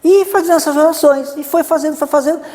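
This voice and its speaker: Brazilian man preaching, animated storyteller, echoey church hall. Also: very high-pitched, fast talker. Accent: Brazilian Portuguese. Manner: animated storytelling with many asides. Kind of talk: sermon.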